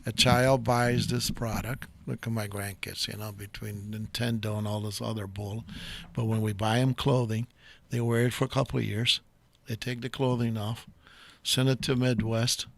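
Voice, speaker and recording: A man's voice: on the low side, little pitch movement, normal speed, gravelly, few pauses. An older man hosting a live talk show, chatting in a rambling, enthusiastic and jokey way.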